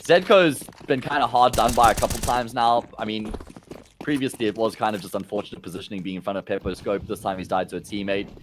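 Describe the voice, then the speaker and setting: A man with a South African accent giving quick, animated play-by-play commentary on a live esports match. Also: lowish voice, slight background noise. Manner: quick, animated calls over game action. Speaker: esports caster. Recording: faint game gunfire underneath.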